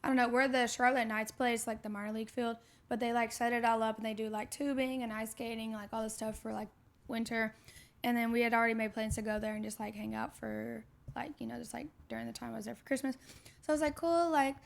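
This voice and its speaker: This podcast co-host, a woman in her twenties, tells a story casually and packs it with "like" fillers. Her slightly high voice is creaky and flat, and she talks fast.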